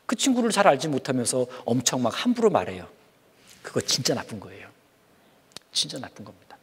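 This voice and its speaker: A man giving a children's sermon, speaking in an animated way and asking the kids questions as he goes. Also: mid-range voice, brisk, slightly rough. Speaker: children's preacher.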